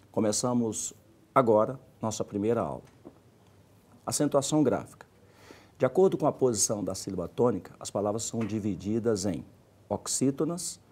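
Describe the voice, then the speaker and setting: A man's voice: medium pitch, a little mellow. A middle-aged man teaching a scripted grammar lesson, stressing each example word with care. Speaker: Portuguese language teacher.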